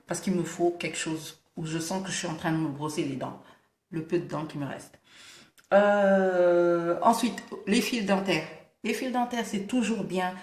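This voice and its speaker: A woman's voice: lowish voice, darkish tone. A woman with a lisp that makes her s slushy, chatting casually and emphatically to camera with English interjections. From Senegal. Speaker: beauty vlogger. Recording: roomy, echoing indoor sound.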